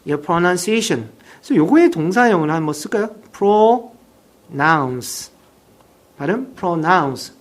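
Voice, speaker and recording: A teacher giving a recorded vocabulary lesson, reading example sentences slowly and having listeners repeat each word. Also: mid-range voice, big pitch swings. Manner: reads example sentences slowly, then drills words for repetition; explains in plain, chatty teacher talk.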